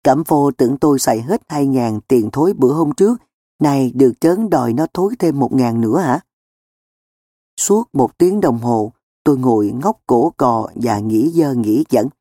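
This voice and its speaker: A male audiobook narrator reads a novel in an even, storytelling manner. His voice is mellow and dark at a middle pitch. It is recorded close and dry, with no room around it. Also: normal speed, dry recording. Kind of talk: scripted narration.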